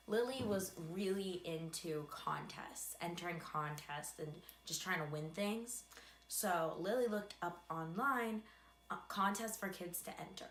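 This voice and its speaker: A woman's voice: fairly low pitch, a bit bright. A young adult American woman telling a casual personal story in a chatty, self-deprecating way with dry asides. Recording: echoey room with faint background hum.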